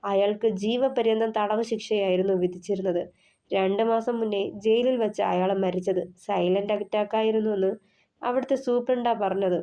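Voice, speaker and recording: A woman's voice: mid-range voice, steady tone, moderate pace, mellow, lightly acted. A woman reading the part of a wry young male friend with a teasing, sardonic manner.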